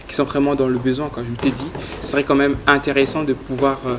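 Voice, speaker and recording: There's background noise as a fast-talking young man from Congo, mid-range in voice, walks an interviewer through his youth leadership project. Earnest and filler-heavy, he keeps his tone flat and even throughout these studio answers.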